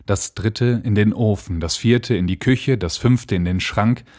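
A man reading fairy tales aloud in a slow, expressive way into a home microphone. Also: on the low side. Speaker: storyteller. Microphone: home mic setup.

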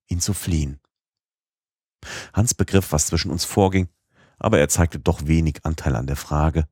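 A man narrates an audiobook in a measured, expressive way. His voice is extremely deep and husky. The recording is dry and close, with no room sound. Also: no room sound.

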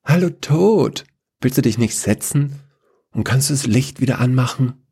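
A man's voice: medium pitch, unhurried, mellow, husky, voice pushed up. A man voicing Good, an earnest and unruffled male figure.

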